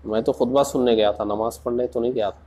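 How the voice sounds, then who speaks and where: A man preaching in a slow, deliberate way, asking rhetorical questions and rising into passionate emphasis. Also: medium pitch, steady tone, warm tone. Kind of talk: Urdu sermon.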